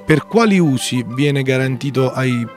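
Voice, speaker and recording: Guy interviewer, short direct questions, average pitch, faint music. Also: lively intonation, unhurried.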